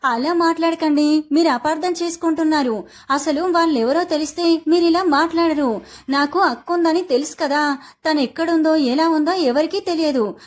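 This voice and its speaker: A woman voicing a gentle young wife, talking in a soft, reassuring way. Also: high voice, normal speed, close to an everyday voice. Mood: pleading.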